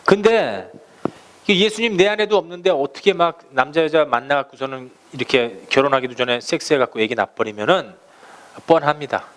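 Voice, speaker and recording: A man's voice: fairly high pitch, a little fast, a bit bright. A male pastor preaching a sermon, asking the congregation rhetorical questions and acting out quoted speech.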